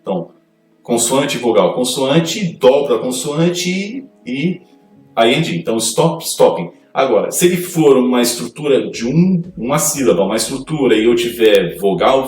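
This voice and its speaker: A man gives an English grammar lesson, reading out each rule and then walking through it slowly. His voice sits at a middle pitch and comes from some distance off the mic. The room is echoey, with soft music in the background. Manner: explains slowly, reading rules aloud in English then explaining them in Portuguese. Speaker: English teacher.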